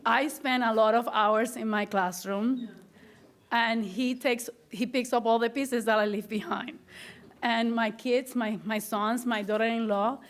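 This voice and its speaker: A middle-aged woman from Puerto Rico, with a strong Puerto Rican accent, delivers an earnest, grateful acceptance speech as an honored teacher. Her voice is a little high and steady at a measured pace, and she often restarts her phrases.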